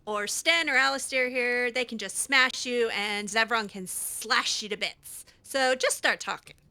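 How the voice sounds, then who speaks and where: A woman plays a role-play video game, chatting casually in character with a playful, sassy, assertive attitude. Her voice is a little high and a little slow, pushed and bright.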